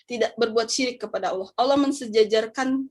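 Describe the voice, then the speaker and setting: A young woman with a notably high voice shares a heartfelt religious talk. She speaks casually, turns to her listeners with questions, and lets her emotion show, sometimes close to tears. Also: brisk, darkish tone. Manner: emotional, gets choked up and apologizes; chatty, addresses listeners directly.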